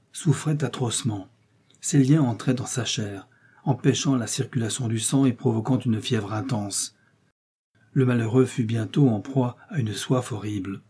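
A man reading an adventure novel aloud as narrator, in a measured, dramatic storytelling manner. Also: medium pitch, dark tone, slightly rough. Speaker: audiobook reader. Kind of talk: scripted narration.

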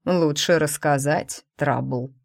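A scheming male necromancer , acted out by a woman reader, who takes his time over every word. His voice sits low and flat and is recorded up close with no room around it. He is cool and mocking in an audiobook. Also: vocal fry, no room sound, exaggerated voice. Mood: calm, sly. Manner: slow, measured and mocking.

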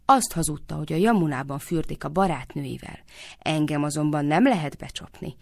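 A woman's voice: low voice, creaky, no room sound, clean studio sound. A woman voicing a scheming, suspicious woman who shrilly scolds and accuses. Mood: scolding. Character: scheming suspicious old woman, quick to anger.

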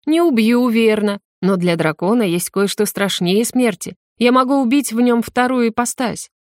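A woman's voice: on the high side, moderate pace, no echo, clean studio sound, lightly acted. A woman voicing a scheming, powerful female witch leader who talks down to others in a silky, condescending way. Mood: gloating.

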